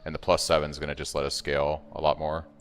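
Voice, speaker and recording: A man streams a game and gives casual commentary, thinking aloud as he answers chat in a soothing voice. His bass voice is delivered completely flat and fast, with a little hiss or hum. The recording has long reverb and faint music in the background.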